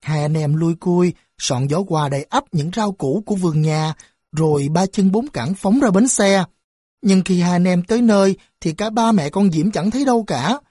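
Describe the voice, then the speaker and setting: A woman narrating an audiobook in a measured, storytelling way. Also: fairly low pitch, lively intonation, dark tone, slightly rough, no room sound, clean studio sound. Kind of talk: scripted narration.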